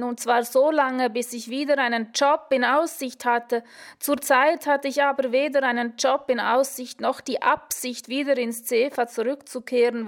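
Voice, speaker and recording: A woman reading her own first-person story aloud in a dry, deadpan way, sometimes correcting herself. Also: fairly high pitch. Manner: dry, deadpan humour, occasional self-corrections.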